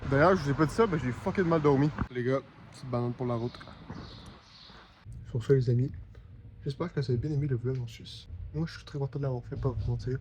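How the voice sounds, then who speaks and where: A man's voice: mid-range voice, brisk, darkish tone, a little hiss or hum. A young man with a Québécois French accent chatting casually in a travel vlog, rambling and full of slang fillers. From Quebec, Canada. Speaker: travel vlogger.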